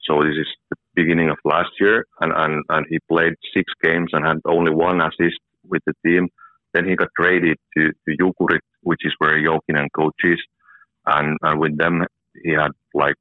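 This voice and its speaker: A very deep-voiced man with a Finnish accent gives conversational interview answers. His R's are rolled and his phrasing is halting, with repeated words, as a native Finnish speaker. He comes through a roomy, phone-like line. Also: little pitch movement. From Finland. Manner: halting, frequent word repetitions. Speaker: hockey journalist, guest.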